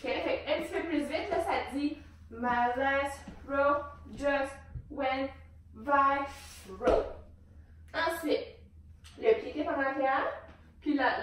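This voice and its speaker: A woman's voice: sits high, slight background noise. A young woman with a Québécois accent teaching a hip hop dance class, counting beats and calling out moves. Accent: Québécois French. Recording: very echoey room, distant mic.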